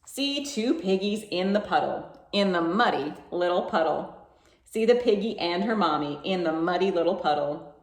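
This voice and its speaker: Reading a picture book to children, a storytime host lets her voice rise and fall widely, stressing words playfully in a bouncy rhythm. She's expressive and keeps a moderate pace, while the space has an echoey sound.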